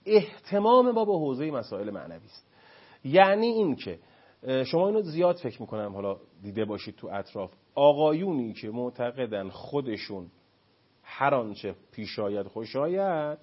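A man, a guest expert on a talk show, explaining child-rearing in an animated way and acting out parents and children in quotes. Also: medium pitch, husky, highs cut off.

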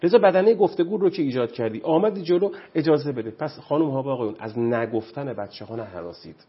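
A man's voice: medium pitch, animated, breathy edge, dull audio. A man speaking as a guest on parenting, preachy and impassioned, often quoting scripture. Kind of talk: animated studio talk.

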